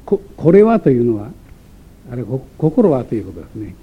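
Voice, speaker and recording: A man gives a lecture, reading passages aloud from a text and explaining them, with many hesitations, self-corrections and side remarks. His medium-pitched voice is sing-song, fairly quick and slightly rough, heard through phone-quality audio.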